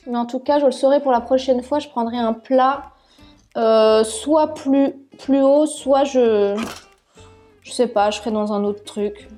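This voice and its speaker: Brief: a woman home cook on a live stream, put-on southern French accent, higher voice, chatty and self-mocking, faint music behind. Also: unhurried, warm tone. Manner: chatty, thinks aloud while cooking, self-mocking. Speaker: cooking channel host. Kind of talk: live cooking stream chat.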